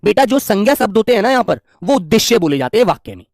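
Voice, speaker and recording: A man's voice: sits high, sing-song, dry recording. Male grammar tutor, coaxing and reassuring with his students, stretches words out when dictating, dry close recording. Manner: affectionate and reassuring, keeps calling students "dear children"; dictates slowly word by word while writing. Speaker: Hindi grammar teacher. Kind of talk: online exam-prep grammar lesson.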